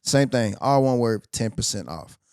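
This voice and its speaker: A man from co-hosting a podcast, joking around in relaxed slang. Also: mid-range voice, moderate pace, clean tone, no echo, studio quality. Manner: laid-back, joking slang. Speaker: podcast co-host. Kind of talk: casual chat.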